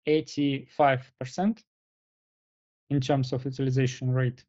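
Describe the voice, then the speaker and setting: A man conducting a formal case interview, speaking deliberately and pausing often in mid-sentence. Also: mid-range voice, level tone, mellow, lo-fi sound.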